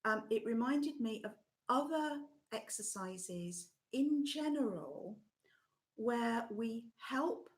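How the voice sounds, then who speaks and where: A middle-aged woman trainer, losing her voice and coughing, talking thoughtfully with many pauses on a video call. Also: on the high side, animated. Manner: thoughtful, pausing with many ums. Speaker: teacher trainer. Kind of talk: live online session talk.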